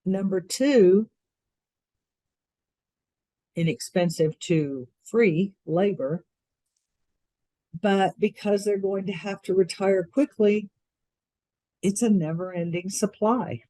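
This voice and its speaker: A woman hosting a podcast interview, reacting quickly and speaking with emphasis. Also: medium pitch, dark tone, no room sound. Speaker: podcast host. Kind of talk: casual interview conversation.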